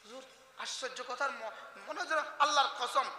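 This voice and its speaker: A male preacher delivers a sermon in a very high, piercing voice. He quizzes his listeners and climbs into impassioned shouting. The sound carries a long, roomy echo, as if over a public address system at a large gathering. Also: brisk. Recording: echoey hall-like reverb from a PA.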